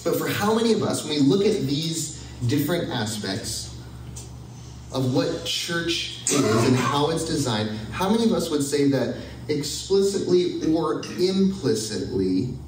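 A man's voice: on the high side, big pitch swings, measured pace, reverberant, far from the mic, slight background noise, poor audio. A man giving a conversational sermon with wry humor, asking his audience for ideas. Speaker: pastor. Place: church hall with audience.

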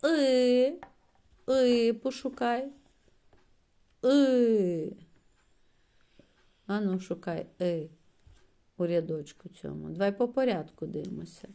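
A woman's voice: fairly low pitch, lively intonation, moderate pace, vocal fry, dark tone. A woman teacher giving a patient one-on-one reading lesson to a child, coaxing and praising often and stretching out letter sounds.

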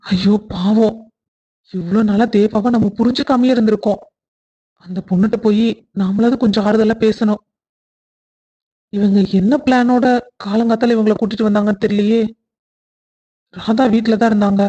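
Woman doing a husky middle-aged guy in a cartoon, mutters to himself all confused, kinda muffled lo-fi sound. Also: mid-range voice, fairly even intonation, moderate pace, pauses often, mellow, voice pushed down, lightly acted. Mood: puzzled. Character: kindly middle-aged man, slow to catch on.

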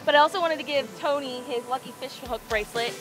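A young woman hosts a fishing channel, coaching and cheering with upbeat excitement, first on an open boat at sea and then at a marina dock. Her high-pitched voice is fast and heard over music. The recording is rough.

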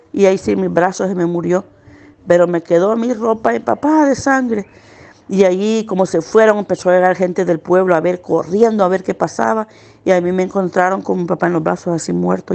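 A middle-aged woman gives earnest, pained personal testimony as a witness, slowing down at the hardest parts. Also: medium pitch, creaky, darkish tone. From El Salvador. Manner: earnest, pained recounting, slowing at hard moments.

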